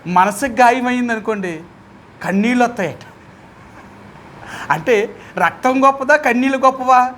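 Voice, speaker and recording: A man's voice: very high voice, moderate pace, pauses often, a bit bright, slight background noise. A man with a Telugu accent leading a Bible study as pastor, who keeps putting questions to his listeners and speaks with emphasis.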